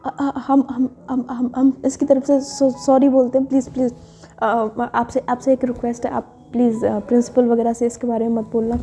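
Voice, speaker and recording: A woman's voice: a little high, level tone, moderate pace, dark tone, natural voice. A woman voicing a flustered young friend who stammers and talks defensively. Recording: dull lo-fi with faint music.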